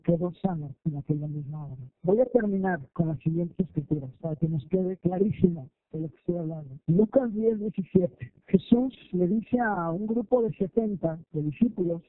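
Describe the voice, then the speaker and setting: High-voiced pastor preaching. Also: male voice, no echo. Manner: lively preaching, acts out quoted voices, asks listeners questions. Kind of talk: sermon. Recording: tinny phone-like, dry sound.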